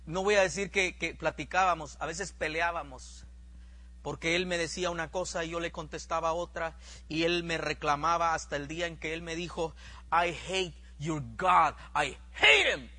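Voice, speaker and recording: A man's voice: fairly high pitch, fairly even intonation, moderate pace, bright, forceful tone. A man preaching a sermon, telling a personal testimony in a dramatic storytelling manner.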